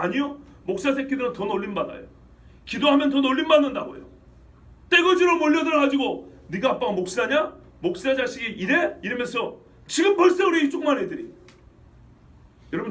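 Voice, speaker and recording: High-voiced pastor preaching with emphatic outbursts. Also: male voice, distant mic. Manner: emphatic, rhetorical questions, swings between loud outbursts and low asides. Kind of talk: sermon. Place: church sanctuary.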